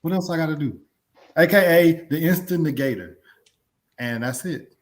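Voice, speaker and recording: A man's voice: on the high side, normal speed. A man co-hosting a casual group podcast, joking and laughing often over a video call. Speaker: podcast co-host.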